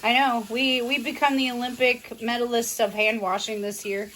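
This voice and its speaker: A woman's voice: a little high, little pitch movement, moderate pace, fairly bright tone, a little hiss or hum, rough recording. A woman co-hosting a home cooking video, joking, laughing and asking the cook questions. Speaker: co-host. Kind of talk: casual banter. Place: home kitchen.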